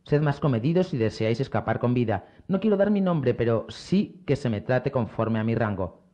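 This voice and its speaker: A man's voice: mid-range voice, very animated, normal speed, warm tone, natural voice. A man reading aloud, voicing a haughty nobleman who commands a band of riders. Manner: imperious, commanding. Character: haughty male noble leading armed riders.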